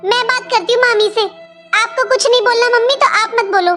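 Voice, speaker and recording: An outspoken, earnest little girl, voiced by a woman in a cartoon, her voice pitched very high and childlike. She pleads and talks on at length, with soft music faint behind her. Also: a little fast. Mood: consoling. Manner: pleading and talkative. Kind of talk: cartoon voice acting.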